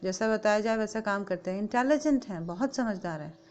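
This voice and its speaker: A woman with an Indian accent teaches a grammar class. She says each point in English and then explains it again in Hindi, in the plain, steady voice of a classroom teacher. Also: mid-range voice, a little fast.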